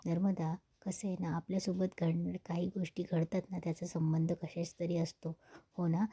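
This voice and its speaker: A woman's voice: on the low side, flat delivery, normal speed, mellow, slightly rough. A woman reading the lines of a scheming middle-aged woman villain from a TV serial. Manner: plain read-aloud delivery of lines.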